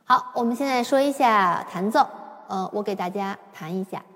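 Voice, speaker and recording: A woman giving a patient, step-by-step piano lesson, explaining slowly with occasional fillers. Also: medium pitch, fairly bright tone. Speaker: piano teacher. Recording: long reverb with piano. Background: piano played at times.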